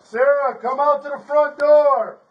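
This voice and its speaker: A male police officer making repeated commanding announcements through a loudspeaker, outdoors in front of a house. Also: very high voice, fairly even intonation, measured pace. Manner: loud, commanding, repetitive calls. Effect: amplified through a loudspeaker. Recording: distant muffled body camera audio.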